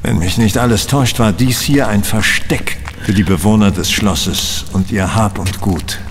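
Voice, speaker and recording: An actor playing Sherlock Holmes, a shrewd, self-assured gentleman detective, speaking precisely in a radio-play style. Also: lowish voice, moderate pace, big-room sound, slight background noise, close to an everyday voice. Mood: focused. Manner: precise, lecturing.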